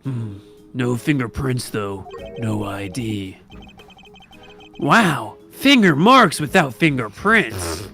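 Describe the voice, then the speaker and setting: A man voicing a dry, sarcastic young male investigator in an improvised comedic fan dub, deadpan and teasing. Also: medium pitch, slow, creaky, faint music behind, full character voice.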